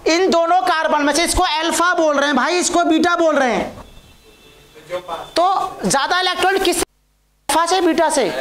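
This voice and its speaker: A woman teaching a chemistry class, coaxing her students with questions that she answers herself. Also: very high voice. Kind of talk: classroom lecture. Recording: echoey room.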